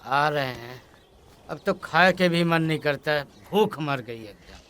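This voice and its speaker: An actor playing an anxious, indebted village farmer who grumbles and scolds. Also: male voice, a little high, animated, measured pace, fairly bright tone. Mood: worried. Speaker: villager in debt. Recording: film soundtrack with background music.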